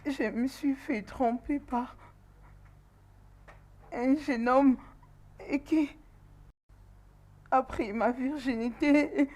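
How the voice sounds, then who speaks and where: A woman's voice: high-pitched, steady tone, drawn-out words, pauses often, darkish tone, exaggerated voice. A sorrowful young homeless woman. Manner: tearful, hesitant speech. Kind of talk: dubbed film acting.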